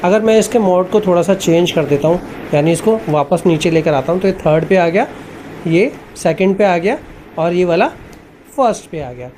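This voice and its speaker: Man calmly demoing a gadget. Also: sits high, a little hiss or hum. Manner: unhurried, explains step by step, addresses viewers as bhai. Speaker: tech reviewer vlogger. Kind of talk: casual product demo review. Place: indoor room. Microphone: wireless clip mic into phone.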